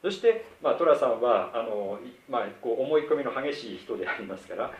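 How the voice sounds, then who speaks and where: A middle-aged man preaches a sermon in an easy, conversational way, measured and lively in pitch as he acts out quoted lines. He sounds roomy and set back from the mic in a church hall, with faint ambience behind him. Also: recorded from a distance. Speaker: pastor.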